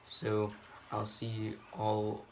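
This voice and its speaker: A man's voice: on the low side, monotone, extremely slow, gravelly, a little hiss or hum, rough recording. A man rambling through casual gameplay commentary, swearing freely and making self-deprecating asides. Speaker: gaming video host.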